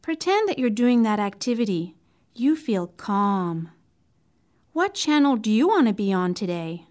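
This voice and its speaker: A woman leading a scripted breathing and mindfulness exercise for children, speaking gently and simply, drawing out the calming cues. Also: mid-range voice, unhurried. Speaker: guided relaxation instructor for children.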